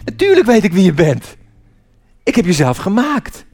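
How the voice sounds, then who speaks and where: A man voicing a kind old male woodcarver who talks in a warm, reassuring, unhurried way. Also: sits high, huge pitch swings, soft background music, voice pushed up, heavily acted. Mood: welcoming.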